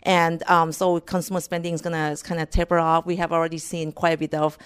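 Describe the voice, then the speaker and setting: A Thai woman with a Thai accent is interviewed as a guest corporate economist, speaking fairly quickly in a low, smooth voice with a flat delivery. She answers earnestly, often restarting her words.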